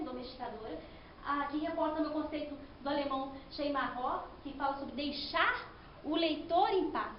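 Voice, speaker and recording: A woman's voice: very high-pitched, slight background noise. A woman presenting her thesis in an academic talk, explaining step by step with frequent "né?" and restarts. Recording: echoey room, slightly dull sound.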